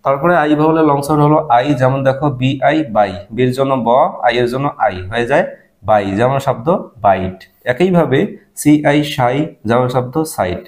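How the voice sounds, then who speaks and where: A man leads a beginner reading lesson at an everyday middle pitch. He works through letter pairs one at a time, says each sound and repeats it, and checks in with the class often. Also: darkish tone. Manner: patient, repeats each word slowly, checks in with "all right?"; spells letters then sounds out syllables. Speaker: English teacher. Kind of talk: step-by-step phonics lesson.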